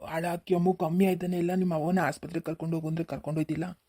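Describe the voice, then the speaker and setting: Woman voicing a cranky coughing grandfather, rapid village grumbling. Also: lowish voice, flat delivery, mellow, husky, voice pushed down. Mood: grumbling, scolding.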